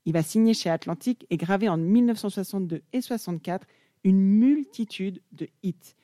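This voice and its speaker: A woman's voice: mid-range voice, moderate pace, dark tone, no room sound, studio quality. A young woman presenting an enthusiastic music chronicle on the radio.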